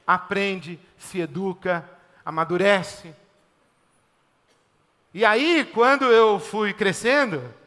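Guy preaching, bright sharp voice, keeps repeating lines in little lists, big reverb hall. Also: sits high. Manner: emphatic, repeats phrases in rhythmic lists. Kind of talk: conversational sermon.

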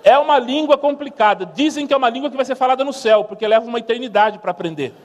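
High-voiced Brazilian man in a reverberant hall. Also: rapid-fire, muffled recording, a little hiss or hum. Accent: Brazilian Portuguese. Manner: lively storyteller who mimics sounds. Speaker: missionary speaker. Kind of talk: humorous church testimony talk.

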